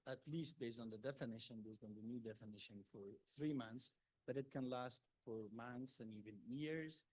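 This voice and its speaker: Halting man from Afghanistan on a panel. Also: medium pitch, darkish tone, dry recording, low-quality recording. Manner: halting, many filler sounds. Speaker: public health policy advisor. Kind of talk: panel talk. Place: exhibit hall panel.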